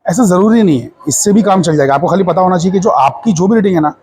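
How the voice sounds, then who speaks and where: A man's voice: sits high, fast, a little mellow, husky. A man teaching a physics lab in Hindi mixed with English, with an Indian accent. He explains step by step and keeps checking that the class follows. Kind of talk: hands-on lab demonstration.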